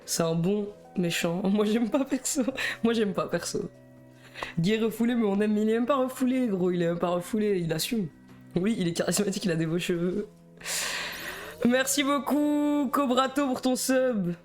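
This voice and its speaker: During a casual live stream, a young man with a Belgian French accent chats nervously and rambles, stammering and laughing as he goes. His voice is high-pitched and brisk with a darkish tone, over soft background music.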